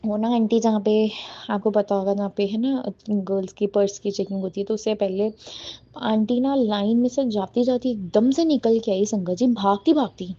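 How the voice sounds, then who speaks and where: A woman's voice: on the high side, warm tone. A young woman telling a devotional testimony in a casual, rambling and heartfelt way, with many fillers and English words mixed in. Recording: dull lo-fi audio.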